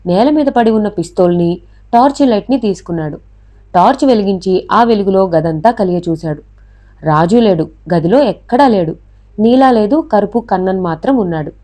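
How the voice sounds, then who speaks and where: Mellow woman reading a novel aloud. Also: medium pitch. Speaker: audiobook narrator. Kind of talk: scripted narration of a thriller novel.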